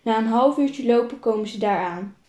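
Woman reading her own story, highish and mellow, a few stumbles and restarts, echoey room. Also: normal speed, highs cut off. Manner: plain reading with small repeats and restarts. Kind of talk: reading a self-written story aloud.

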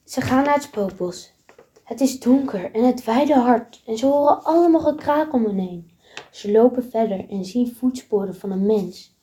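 Woman reading a story in a mellow voice. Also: fairly high pitch, lively intonation, normal speed.

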